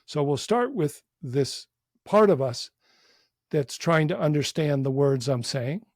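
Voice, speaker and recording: A man who works as a psychotherapist, guiding a short meditation in a calm, unhurried, gently inviting voice with long pauses. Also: a little high, dry recording, studio quality. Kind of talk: guided meditation within a podcast interview.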